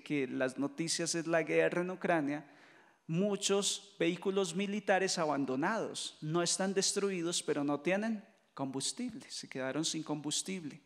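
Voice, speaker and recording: High-voiced Colombian priest preaching in a reverberant hall. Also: male voice. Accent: Colombian Spanish. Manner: lively storytelling preacher who mimics voices and jokes. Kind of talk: retreat sermon.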